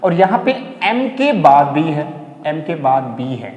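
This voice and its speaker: A man's voice: a little high, big pitch swings, unhurried, a little mellow, lo-fi sound. A male teacher giving a pronunciation lesson to pupils, repeating each point and asking rhetorical questions before answering them. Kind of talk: classroom lesson. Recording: echoey hall.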